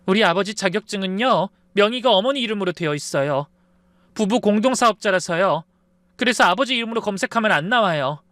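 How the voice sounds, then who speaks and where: A man voicing an evasive, polite young fiancée who talks softly and apologetically in a story. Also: high voice, very animated, normal speed, no room sound, voice pushed up. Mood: earnest. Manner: soft, pleading, apologetic.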